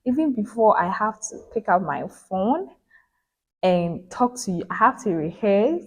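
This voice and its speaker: A woman's voice: medium pitch, very animated, measured pace, breathy edge. A young woman vlogging into her phone's back camera, talking earnestly and repeating phrases for emphasis. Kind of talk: casual reflective vlog monologue.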